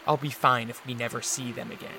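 An actor playing a wary, sheltered vampire count in a radio drama, guarded and earnest. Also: male voice, medium pitch, steady tone, fast, bright, forceful tone, soft background music, poor audio. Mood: wary, subdued.

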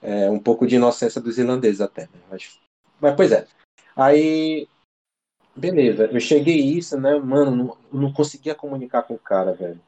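A Brazilian man living abroad in Ireland chats casually as an interview guest, telling a story in a slangy, rambling way full of fillers and restarts. His voice is medium-pitched and warm at a moderate pace. The recording quality is low.

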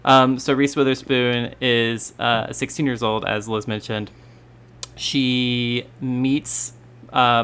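Rambling young man, bright voice. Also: mid-range voice, clean tone. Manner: rambling, full of fillers and self-corrections. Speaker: podcast co-host. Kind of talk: casual chat about a movie.

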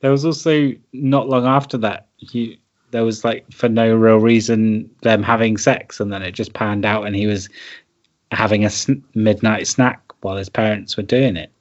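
A man's voice: fairly low pitch, steady tone, normal speed. A man chatting casually and wryly about a film with friends, laughing as he talks. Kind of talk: casual chat. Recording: dull lo-fi recording.

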